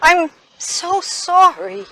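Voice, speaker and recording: An actress playing a gentle, hesitant older woman in a stage play, stammering softly as she offers comfort. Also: very high-pitched, little pitch movement, very slow, full character voice, poor audio. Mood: tentative. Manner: hesitant, stammering, soft-spoken.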